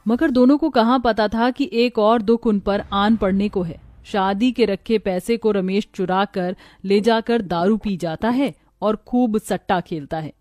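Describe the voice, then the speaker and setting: A woman's voice: mid-range voice, a little slow, few pauses, darkish tone, no room sound, faint music behind. A woman narrating a scripted moral story as a storyteller.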